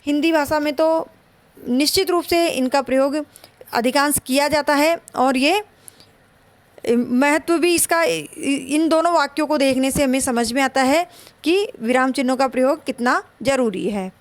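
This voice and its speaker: A woman teaching a Hindi grammar lesson for an exam, slow and explanatory, repeating her points. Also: high-pitched, no room sound.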